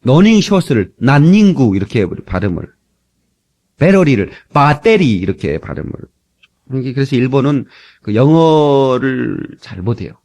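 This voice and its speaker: On an old cassette tape, a Korean man serving as pastor preaches a sermon in an unhurried, mid-range voice. He's lively and humorous, often making asides to the congregation.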